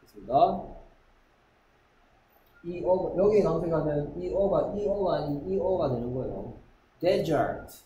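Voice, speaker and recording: Male teacher, warm mellow voice, slightly high pitch, lecturing a class, echoey classroom. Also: expressive, dull audio, slight background noise. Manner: repeats a checking question, reads English slowly. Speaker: English teacher.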